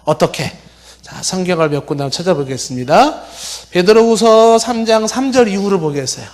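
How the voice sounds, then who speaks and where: A man's voice: high voice, animated, a little fast, darkish tone. A middle-aged male pastor giving a Bible-teaching sermon, explaining with rhetorical questions and reading passages aloud. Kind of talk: expository sermon.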